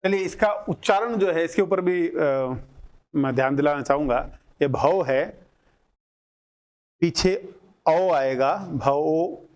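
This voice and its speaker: Slow, deliberate male grammar teacher. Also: a little high, a little mellow. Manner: deliberate, breaks words into single sounds and repeats them. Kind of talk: classroom lecture explaining at a board.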